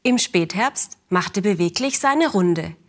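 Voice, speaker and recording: A woman narrating a children's story in a gentle, calm way, speaking directly to the children. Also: medium pitch, slow pace.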